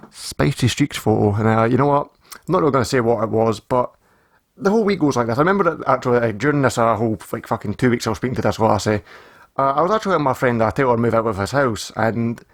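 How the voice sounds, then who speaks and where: A man's voice: medium pitch, expressive, fast. A man in his twenties with a Scottish accent, casually telling a rambling personal story and swearing constantly. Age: 20s. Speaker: storytelling vlogger.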